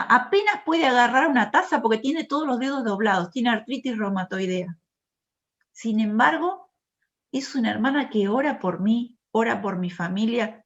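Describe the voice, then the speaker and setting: A woman preaching in church, her fairly high voice swelling into emphatic exhortation. The recording is dull and lo-fi. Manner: impassioned, rising to emphatic exhortation. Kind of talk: sermon.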